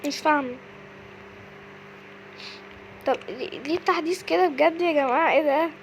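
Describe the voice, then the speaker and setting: High-voiced excitable Egyptian woman gamer. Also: rapid-fire, gravelly, slight background noise, rough recording. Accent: Egyptian Arabic. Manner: excitable, shrieks and exclaims in fright. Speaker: gaming video creator. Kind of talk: casual gaming commentary.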